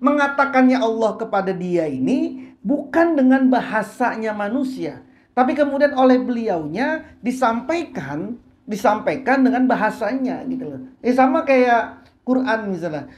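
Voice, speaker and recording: A woman as religious teacher, reading Arabic phrases one by one and explaining them in a relaxed, conversational way. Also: fairly high pitch, normal speed. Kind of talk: kitab study lecture. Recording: roomy echo with faint hiss.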